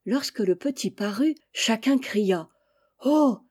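A woman reading a children's story aloud with gentle, measured narration. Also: medium pitch, lively intonation, breathy edge.

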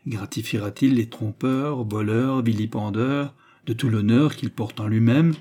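A man's voice: mid-range voice, measured pace, warm tone, close to an everyday voice. A man reading a teasing skeptical student. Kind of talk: audiobook character reading.

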